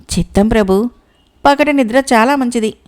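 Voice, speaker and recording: A woman's voice: a little high, normal speed, lightly acted. A woman voicing a patient, deferential male minister speaking politely to his king in a storybook. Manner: polite, soothing.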